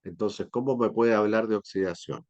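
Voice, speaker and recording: A man's voice: on the low side, moderate pace, darkish tone, no room sound, highs cut off, lightly acted. A man voicing a puzzled student asking. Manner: puzzled, questioning. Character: curious young student asking a question.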